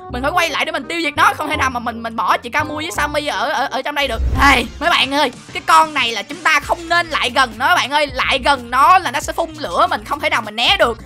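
A woman's voice: high-pitched, quick pace, few pauses, music in the background. A young woman hosting a gaming video, dramatic and exclamatory, full of shrieks and teasing threats. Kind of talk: excited game commentary.

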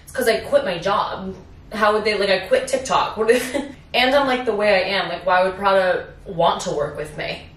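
A young woman talks into her phone at home in a casual vlog, rambling and animated, dropping swear words and "like" everywhere. Her voice sits at an ordinary middle pitch. The room around her is echoey. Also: normal speed. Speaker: vlogger.

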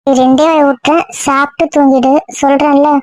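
A woman acting in an audio drama, scolding and bossy with a sharp tongue. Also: high voice, little pitch movement, a little fast, no room sound.

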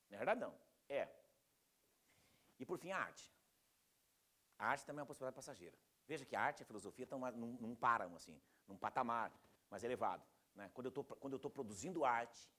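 A man teaching a class in a lively, animated way. He acts out the people he quotes in a raised voice and keeps asking the class whether it is true. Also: medium pitch, husky. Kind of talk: classroom lecture.

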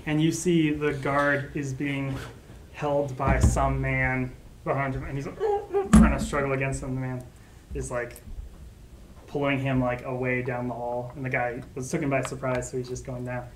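A game master talks players through a tabletop scene in halting, filler-heavy narration. The voice sits at a middle pitch and echoes around the room, with a faint hiss underneath. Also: flat delivery. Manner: rambling, hesitant, full of fillers.

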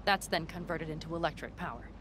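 Low-voiced, blunt young outlaw woman. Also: fast talker, a bit bright. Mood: matter-of-fact. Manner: blunt, matter-of-fact, dry. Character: tough, practical, confident young female outlaw driver. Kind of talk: video game voice acting. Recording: clear vehicle noise behind voice.

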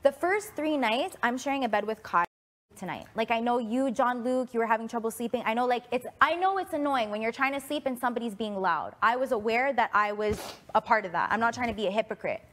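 A woman's voice: a little high, fast, fairly bright tone, a little hiss or hum. A woman on a reality show retelling events emphatically and acting out what others said. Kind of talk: storytelling in an argument.

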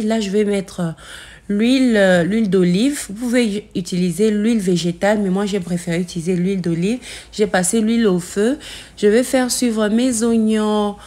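Her voice is mid-range and dark as she leisurely chats through her kitchen and recipe steps in a home vlog. The woman, in her thirties, often hesitates with "euh" and borrows English words for food.

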